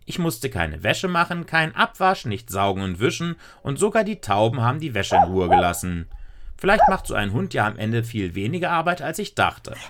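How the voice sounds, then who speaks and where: A man's voice: mid-range voice, very animated, normal speed, pitched above the performer's own voice. A man voicing a weary but kind mother in a children's audio story. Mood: relieved. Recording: noisy recording with clicks.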